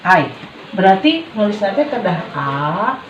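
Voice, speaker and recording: A woman's voice: mid-range voice, very animated, unhurried, far from the mic, muffled recording. A woman teaching a class, patiently quizzing her listeners with questions. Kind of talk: classroom explanation. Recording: echoey room with background noise.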